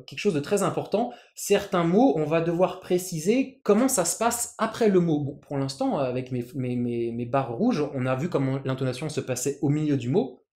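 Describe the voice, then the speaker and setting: A teacher walks through a language lesson with patience, repeating words and restarting phrases as they explain. The voice sits in a middling pitch. The recording carries a clear echo from the room. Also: darkish tone. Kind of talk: explanatory lesson with written examples.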